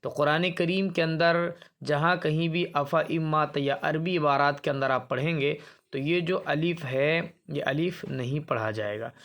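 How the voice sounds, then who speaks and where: A man with a slightly raised pitch teaches a reading lesson from a chart. He explains patiently, repeating each example word slowly. He asks a question and then answers it himself. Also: pushed and bright.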